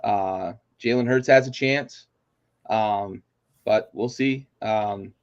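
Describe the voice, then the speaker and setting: A man's voice: lowish voice, slow. A man co-hosting a casual sports podcast, talking betting lines with swagger and cursing. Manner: swaggering betting talk, profane. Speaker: podcast co-host. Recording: dull muffled audio.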